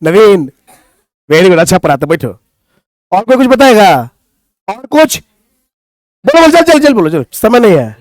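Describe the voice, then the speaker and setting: A man's voice: sits high, sing-song, normal speed, long pauses, dry recording. A man with a Bhojpuri accent teaching English grammar to a class, playfully teasing students and reciting verse. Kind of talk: classroom teaching with poetry and banter.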